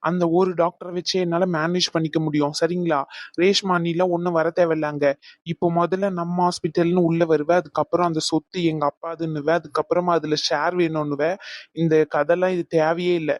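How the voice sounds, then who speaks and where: A man's voice: a little high, little pitch movement, brisk, no room sound, lo-fi sound, close to an everyday voice. A man voicing a harsh young man in a cartoon who scolds and dismisses his sister. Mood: scornful. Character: harsh young man, brother, scornful and controlling. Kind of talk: cartoon voice acting.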